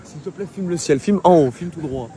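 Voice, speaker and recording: Insistent man, high-pitched and quick. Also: warm tone. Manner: insistent, repeats himself. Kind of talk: casual pleading and persuading. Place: outdoors at night. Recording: outdoor location sound with crowd chatter.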